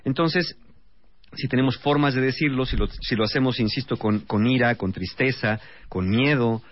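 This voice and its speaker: A man's voice: medium pitch, moderate pace, no echo. A man with a Mexican accent, a guest expert on a radio talk show, explaining step by step with lists of examples. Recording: dry, dull radio studio sound.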